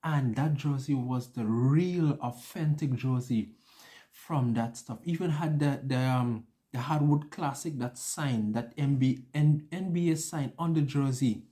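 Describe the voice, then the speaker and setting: Speaking a little slowly in a mellow, mid-range voice, this young island-born vlogger chats to camera. He shares personal anecdotes and performs the dialogue from them.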